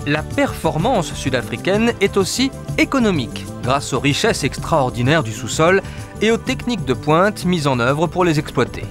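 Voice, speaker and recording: Narrating a travel documentary from a studio voice-over booth, a man speaks at a moderate pace in a voice that sits somewhat high for a man. His intonation is lively and wide-ranging, and music plays clearly beneath him.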